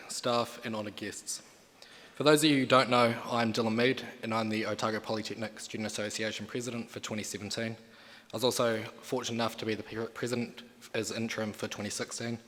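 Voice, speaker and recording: A man's voice: mid-range voice, a bit bright. A young man gives a podium speech as a student leader, formal with colloquial asides. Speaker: student association president. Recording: reverberant hall, amplified speech.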